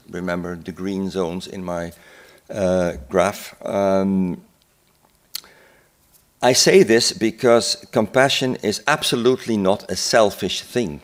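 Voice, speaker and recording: A psychiatrist addresses a symposium in a conference hall: an older man with a deep voice and Dutch as his first language. He lectures reflectively and without hurry, restarting phrases and adding "eh?" along the way.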